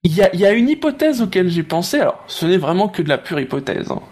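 A man's voice: high-pitched, sing-song, quick pace, a little mellow. A man arguing through hypotheses in a casual panel discussion. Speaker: motorsport talk show panellist.

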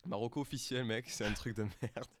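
A man's voice: mid-range voice, a little fast. A young man co-hosting a podcast in casual chat, full of crude slang and frequent laughter. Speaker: podcast co-host.

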